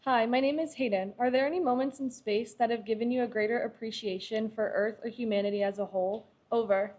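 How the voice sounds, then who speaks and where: High-pitched young female student asking questions. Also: fairly even intonation, fast, darkish tone. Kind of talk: reading a prepared question.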